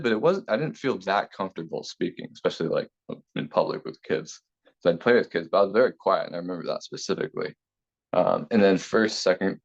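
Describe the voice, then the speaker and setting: A man's voice: low voice, gravelly. A man in his thirties, originally from Taiwan, talking casually and at length as an interview guest, with many fillers. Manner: relaxed, rambling, many fillers. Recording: slightly dull lo-fi sound.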